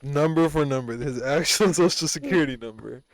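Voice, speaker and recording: A man's voice: on the high side, fairly quick, no echo. A man co-hosting a podcast in casual chat, blunt and swearing freely. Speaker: podcast co-host.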